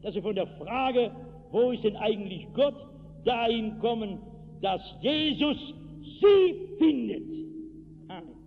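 A man preaching an evangelistic sermon to a hall, telling stories from his own life and breaking into acted shouts. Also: high-pitched, expressive, takes it slowly. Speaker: pastor. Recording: tinny lo-fi hall recording with hiss.

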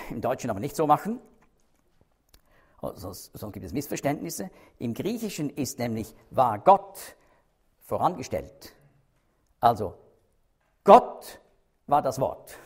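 A man's voice: medium pitch, sing-song, a little slow, pauses often, darkish tone, breathy edge. A man teaching a Bible study, explaining carefully, stressing key words and checking in with his listeners.

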